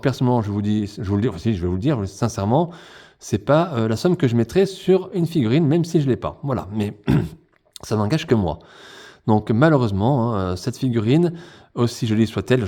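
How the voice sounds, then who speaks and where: A man's voice: medium pitch, warm tone. A man hosting a toy unboxing in a casual, chatty way, talking straight to his viewers as friends.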